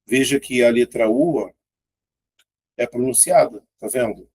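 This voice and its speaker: A man's voice: medium pitch, expressive, measured pace, a little mellow, breathy edge. A man with a Brazilian Portuguese accent teaching an exam-prep grammar lesson in a casual, chatty way, often pointing things out and checking in with his students.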